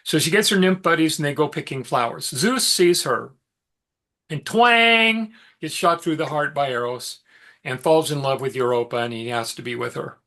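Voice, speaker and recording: A middle-aged man teaching a mythology class, telling the story in a relaxed, conversational way with fillers and side remarks. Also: mid-range voice, a little fast, gravelly. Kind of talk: informal lecture storytelling.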